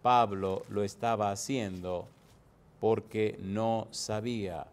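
A man preaching a sermon, dramatic and emphatic, rising to loud bursts and reading out scripture references slowly. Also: on the low side, steady tone.

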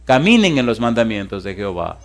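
Animated male pastor preaching. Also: lowish voice, fairly quick. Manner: animated preaching, shifts from loud calls to hushed storytelling. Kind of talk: sermon.

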